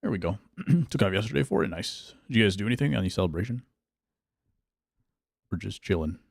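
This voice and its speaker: Low, gravelly-voiced male streamer. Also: a little fast, no room sound, studio quality. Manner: thinks aloud, reads and answers chat, relaxed. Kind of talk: casual gameplay livestream chat.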